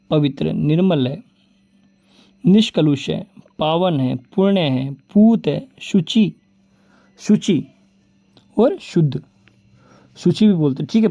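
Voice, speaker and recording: A male coaching teacher with a slightly high yet mellow, dark voice. He runs through lists of synonyms and calls his viewers "friends". The recording sounds a little dull and muffled. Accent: Rajasthani Hindi. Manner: lists words rapidly, repeating "ठीक है" and "बोलते हैं"; addresses viewers as "दोस्तों" and "भाई". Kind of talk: exam-prep vocabulary lesson.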